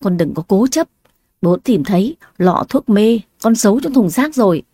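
A woman's voice: medium pitch, lively intonation, normal speed, dark tone, husky, no echo, clean studio sound. A woman voicing a stern, firm older father.

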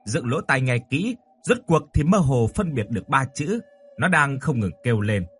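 A man reading a horror audiobook with an expressive, dramatic delivery. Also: medium pitch, moderate pace. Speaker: narrator.

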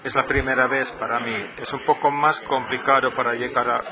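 A man's voice: medium pitch, flat delivery, brisk, crowd noise. A middle-aged man from Finland, whose first language is Finnish, interviewing a guest in careful, slightly broken phrasing. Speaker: podcast host, interviewer. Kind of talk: casual interview.

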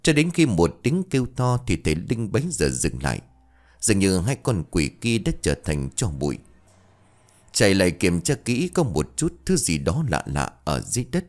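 A man narrating a ghost story with an expressive, dramatic reading. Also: deep voice, normal speed.

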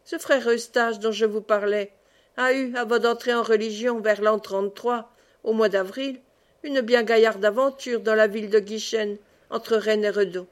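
A woman's voice: fairly high pitch, close to an everyday voice. A woman reading the lines of a jovial, talkative male monk who rambles from one tale to another in an audiobook. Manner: rambling, digressive, pleading.

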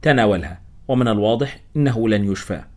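A man's voice: lowish voice, lively intonation, fast, close to an everyday voice. A man voicing an irritable blonde German wife who speaks sharply and with exasperation, in a storybook reading. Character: angry blonde German wife, middle-aged.

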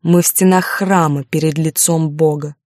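A woman's voice: sits low, fairly even intonation, normal speed, a little mellow, dry recording, studio quality, lightly acted. A woman voicing a stern, troubled young man. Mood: angry. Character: troubled young man bound to a religious order.

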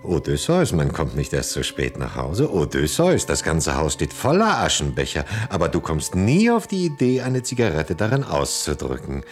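An actor playing Odysseus as a vain, mature husband in a radio play, mocking and grandly amorous, with theatrical delivery. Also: male voice, a bass voice, wildly swooping pitch, moderate pace, hardly any pauses, faint music behind, full character voice. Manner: theatrical, swinging between dry irony and declamation.

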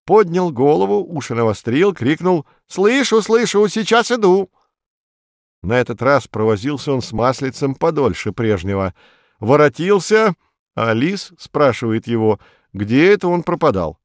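A man reading a folk tale aloud in an expressive storytelling voice. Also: medium pitch, moderate pace, dry recording, clean studio sound.

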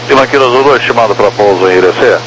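A man's voice: medium pitch, very fast, fairly bright tone, slight background noise, rough recording. Man making clipped aviation radio calls. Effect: radio transmission.

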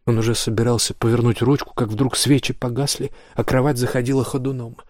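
A man's voice: medium pitch, flat delivery, fairly quick, a little mellow, dry recording. Man narrating an audiobook, dry and close.

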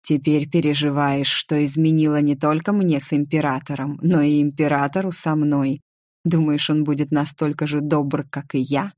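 A woman's voice: sits low, level tone, normal speed, darkish tone, dry recording, clean studio sound, natural voice. A woman reading an audiobook, voicing a cold, proud young nobleman who speaks in a sneering drawl. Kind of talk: audiobook narration.

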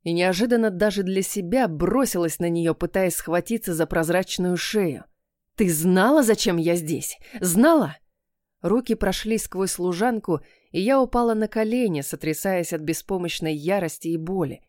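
A woman giving a steady, expressive first-person narration of a fantasy audiobook. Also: fairly low pitch, moderate pace, few pauses, no echo, studio quality.

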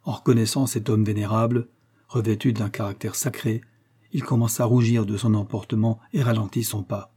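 Husky-voiced man reading a story. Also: lowish voice, steady tone, brisk, dark tone. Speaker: audiobook reader. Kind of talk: scripted narration of a classic novella.

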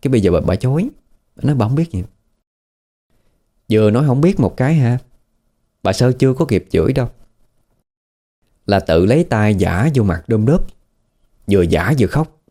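This man speaks in a warm mid-range voice at a moderate pace, animated and pausing often. With his Southern Vietnamese accent, he narrates a horror story casually, frequently asking the listener questions.

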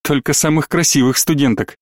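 Brief: calm friendly young guy, read by a man, slightly high voice. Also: brisk, no room sound, clean studio sound, lightly acted. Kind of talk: audiobook character voice.

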